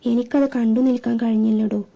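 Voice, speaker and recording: A woman voicing a guilty young man on the phone, hurried and apologetic. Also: fairly high pitch, level tone, creaky, mellow. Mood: pleading.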